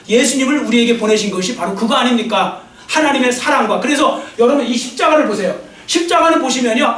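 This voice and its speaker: In a church sanctuary, a male pastor exhorts his congregation earnestly through a sermon, then leads prayer and call-and-response. His voice has an extremely high pitch and a fairly bright tone, picked up by a distant mic with echoey church sound.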